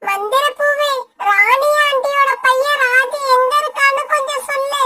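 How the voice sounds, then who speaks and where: A woman voicing a small, cheerful young female sparrow in a cartoon story, with a very high childlike voice. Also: steady tone, measured pace, very noisy. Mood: kind. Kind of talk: cartoon voice acting.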